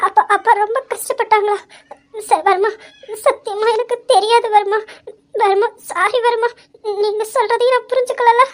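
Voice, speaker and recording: In this audio drama, a woman plays a young wife whose voice sits extremely high and girlish. She pleads in a clingy, tearful way, with sobs breaking into her words. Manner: pleading, sobbing between words. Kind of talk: hobby audio drama acting.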